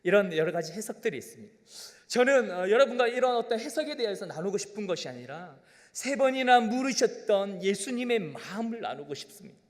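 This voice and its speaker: A man's voice: high-pitched, big pitch swings, brisk. A male pastor preaching a sermon in a church sanctuary, with an emphatic cadence that swells into direct appeals to his congregation. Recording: long reverb of a church hall.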